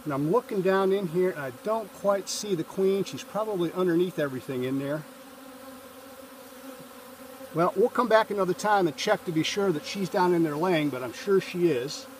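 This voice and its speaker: A man calmly walking through a beehive check step by step, filmed outdoors on a farm from a few feet away. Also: sits high, fairly quick, hardly any pauses, a little hiss or hum. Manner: calm, explains step by step while working. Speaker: hobby beekeeper. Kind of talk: casual how-to narration. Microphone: camera a few feet away, speaker in a bee suit and veil. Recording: distant outdoor camera audio, buzzing bees.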